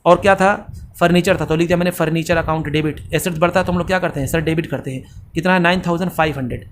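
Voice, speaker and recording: A male accounts teacher giving a fast lecture, asking the students questions and answering them himself. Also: fairly high pitch, steady tone, a little hiss or hum.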